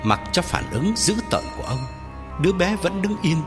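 A man narrating a ghost story in a dramatic, measured way. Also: high voice, big pitch swings. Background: music.

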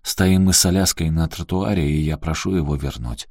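Deep-voiced male audiobook narrator. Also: fairly quick, darkish tone, no echo, studio quality. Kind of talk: scripted narration.

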